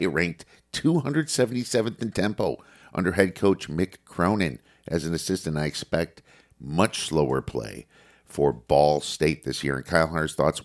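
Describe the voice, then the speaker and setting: A sports betting podcast host with a bass voice and a head cold sounds congested as he goes through a list of sports notes. The podcast is casual, and his delivery is a steady reading with some fillers.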